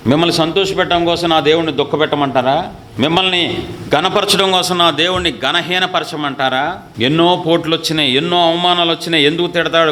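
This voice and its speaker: A man's voice: a little high, sharp tone. A male pastor preaching a fiery sermon, scolding with rhetorical questions and acting out quoted voices. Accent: Telugu.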